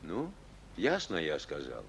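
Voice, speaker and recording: A weary frontline army captain of forty in a radio play, with a very deep voice and slow, heavy delivery. He gives curt, clipped commands, and his tired voice still carries authority. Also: huge pitch swings, vocal fry, husky, exaggerated voice. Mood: stern. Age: 40s.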